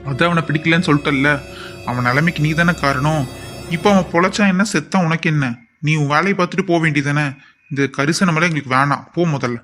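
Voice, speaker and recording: Man doing a cartoon drama's angry young friend: blunt, scolding, slightly high voice. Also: fast, fairly bright tone, faint music behind, lightly acted.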